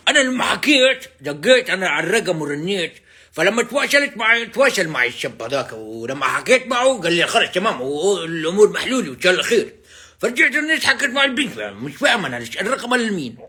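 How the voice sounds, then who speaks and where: A man's voice: high-pitched, very animated, fast talker, pushed and bright, breathy edge. A man with a Levantine Arabic accent on a casual prank call, stammering evasively and repeating himself.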